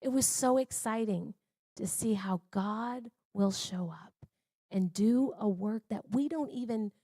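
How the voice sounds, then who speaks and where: Woman, mid-range voice, dry close sound; heartfelt testimony speaker, chatty, shifts from hushed to lively. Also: mid-range voice, unhurried, dry recording. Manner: earnest, conversational, swings between hushed and excited. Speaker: speaker at a women's church gathering. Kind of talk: personal testimony storytelling. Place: church service.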